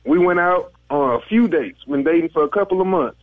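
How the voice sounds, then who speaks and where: A man's voice: a little high, lively intonation, a little fast, phone-quality sound. A man talking casually as a caller on a radio show. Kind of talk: casual chat.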